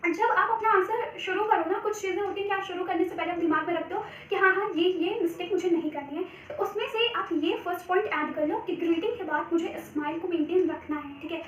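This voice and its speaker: A woman's voice: very high voice, brisk, far from the mic. A young Indian woman giving interview advice in a chatty vlog, mixing Hindi and English and often checking in with her viewers. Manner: chatty, repeats "theek hai" often; switches between Hindi and English. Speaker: vlogger giving cabin crew interview tips. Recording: echoey room, voice off-mic.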